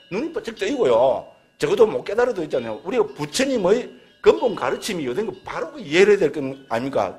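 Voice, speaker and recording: Husky monk lecturing. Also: male voice, a little high. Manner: keeps asking the audience rhetorical questions; plain-spoken, folksy and earnest. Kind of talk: Buddhist scripture lecture.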